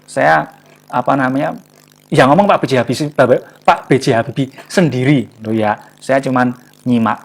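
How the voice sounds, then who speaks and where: A man giving a casual, jokey motivational talk to a live online audience, often pausing for words. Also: medium pitch, creaky. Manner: chatty and jokey, often searching for words with fillers. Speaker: online class speaker.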